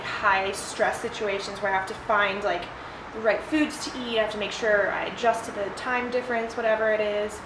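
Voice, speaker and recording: A young adult woman chatting informally and bluntly as she answers viewer questions in a solo vlog. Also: mid-range voice. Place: ice bath, sheltered outdoors or open to rain. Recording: roomy echo with clear background noise.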